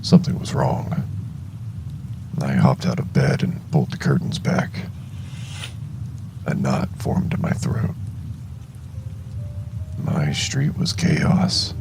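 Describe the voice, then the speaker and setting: A man playing an exhausted, shaken young survivor of a zombie outbreak, narrating a horror audio journal in a gravelly, halting voice. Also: fairly even intonation, noisy background, exaggerated voice. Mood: weary dread. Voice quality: very deep, gravelly, creaky. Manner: slow, halting, heavy dramatic pauses.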